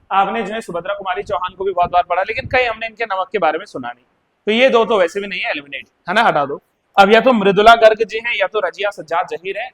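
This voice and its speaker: High-voiced man teaching an exam class. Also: a bit bright. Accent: Uttarakhand Hindi. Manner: talkative, explains by repeating words and asking the class. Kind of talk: live Hindi grammar and literature class.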